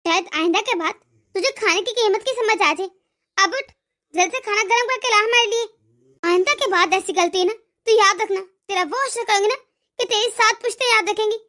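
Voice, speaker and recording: A woman voicing a cruel, domineering mother-in-law who taunts and threatens loudly. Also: very high voice, moderate pace. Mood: scolding. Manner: loud, sneering taunts. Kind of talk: cartoon voice acting.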